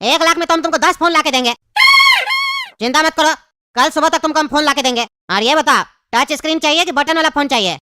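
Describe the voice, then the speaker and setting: A woman with a high-pitched, bright, pushed voice talks fairly quickly as she plays a cocky, self-assured cartoon hustler in comedy voice acting. The character is teasing, boastful, and full of banter while haggling.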